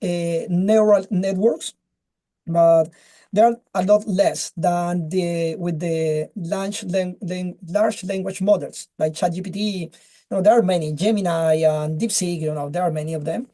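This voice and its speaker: Casting note: a man with a mellow voice, halting and restarting on a video call. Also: high voice, steady tone. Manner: halting, searches for words, many restarts. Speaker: webinar speaker. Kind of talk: casual presentation and chat.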